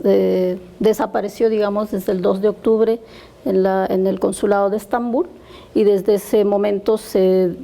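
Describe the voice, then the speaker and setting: A woman speaking as a panel guest, giving measured analysis with frequent hesitant pauses. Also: mid-range voice, vocal fry, dark tone. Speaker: press freedom representative, panel guest.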